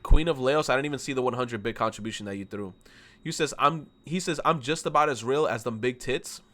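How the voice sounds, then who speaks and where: A young man livestreaming a game, reading the dialogue aloud, then chatting with viewers in an excitable, profane way, laughing often. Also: mid-range voice, fairly quick, slight background noise. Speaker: streamer. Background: loud game music.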